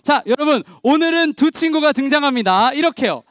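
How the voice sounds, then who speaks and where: A man leading a children's sermon as the evangelist, animated and coaxing as he talks straight to the kids. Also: very high voice, brisk, dry recording, clean studio sound.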